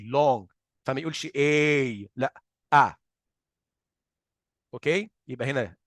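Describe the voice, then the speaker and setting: A man with an Egyptian accent gives an explanatory phonics lesson, his voice a little high and slightly raised. He poses questions and answers them himself, stretching example sounds out slowly to demonstrate. The recording is dry and close, without room sound.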